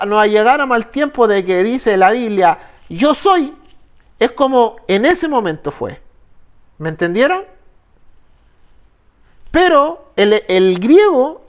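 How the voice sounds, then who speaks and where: A man with a Chilean Spanish accent, a pastor teaching the Bible in a sermon. He reads verses slowly and keeps checking with listeners. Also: extremely high pitch. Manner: frequent tag questions, slow deliberate verse reading.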